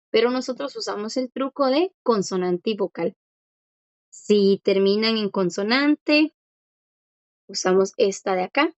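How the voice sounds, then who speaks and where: A woman's voice: mid-range voice, no echo, highs cut off. A woman teaching a language class, explaining grammar patiently and often checking that students follow. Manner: patient, repeats key points and checks understanding. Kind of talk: online language lesson.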